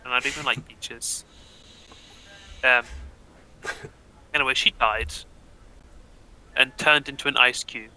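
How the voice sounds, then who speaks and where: A man recapping a tabletop game session as a player, with deadpan, profane jokes. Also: mid-range voice, measured pace, a little hiss or hum, low-quality recording.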